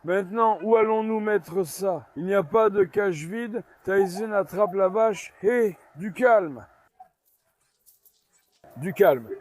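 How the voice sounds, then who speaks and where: A man filming a casual vlog at his farm, coaxing and calming his dogs while chatting to viewers. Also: high-pitched, measured pace, hardly any pauses. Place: farmyard outdoors.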